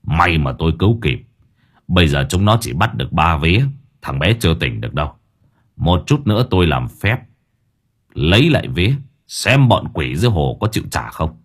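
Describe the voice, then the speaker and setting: A man voicing a foul-mouthed older male exorcist who barks orders gruffly. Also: sits low, sing-song, normal speed, full character voice. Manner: gruff, cursing, bossy.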